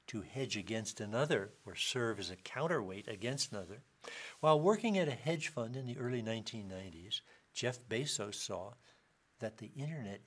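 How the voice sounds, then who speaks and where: A man's voice: mid-range voice, breathy edge. A man giving a university lecture, explaining ideas with dry wit and reading out short quotations.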